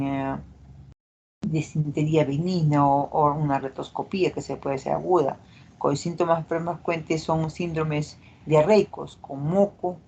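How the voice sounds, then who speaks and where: A woman's voice: deep voice, creaky, darkish tone, lo-fi sound, slight background noise. A middle-aged woman doctor, lecturing a class and checking in with tag questions. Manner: explanatory, frequent tag questions.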